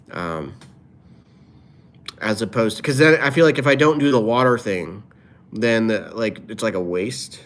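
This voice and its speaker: A man talking casually on a live stream, reading out viewer comments and dropping playful improvised rhymes. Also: lowish voice. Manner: playful, drops off-the-cuff rhymes.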